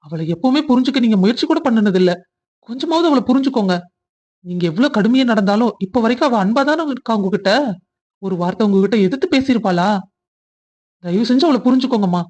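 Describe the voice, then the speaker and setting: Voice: mid-range voice, animated, fast, a little mellow, natural voice. A performer voicing a young husband in a cartoon family drama who earnestly pleads for his wife, with a Kongu Tamil accent. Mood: pleading. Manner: pleading, protective.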